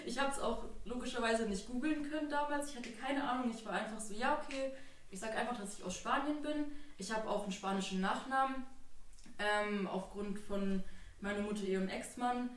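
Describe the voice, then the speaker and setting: A woman's voice: on the high side, moderate pace. A young woman, a podcast guest, telling personal stories in a chatty, casual way with fillers. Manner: chatty storytelling with laughs and fillers. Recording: echoey room, distant from mic.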